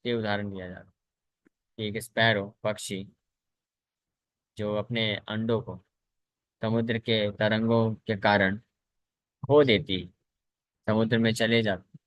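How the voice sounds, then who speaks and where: A male spiritual teacher teaching from scripture at a slow, measured pace. His voice sits in a middle range and sounds dry and close, with no room behind it. He often repeats a point in a few different words. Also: fairly low pitch, little pitch movement, dry recording, lo-fi sound. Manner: reads English passages very slowly, then explains in Hindi; repeats phrases while explaining. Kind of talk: scripture lecture.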